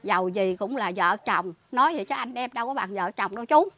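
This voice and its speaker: Bright, indignant southern Vietnamese woman. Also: medium pitch, expressive, fast talker. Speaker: interviewee, relative caring for a sick man. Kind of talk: emotional spoken account.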